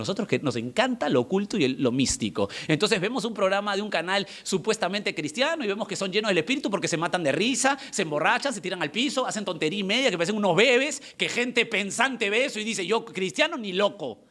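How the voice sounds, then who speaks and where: A male pastor preaching a sermon in church, emphatic and lively, reading scripture aloud slowly between his explanations. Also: sits high. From Peru.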